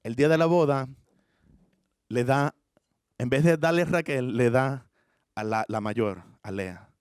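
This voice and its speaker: A man's voice: medium pitch, a little slow, darkish tone, clean tone, dry recording, studio quality. A male pastor, preaching a sermon and telling the story with acted-out lines. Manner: storytelling, acting out the characters' lines.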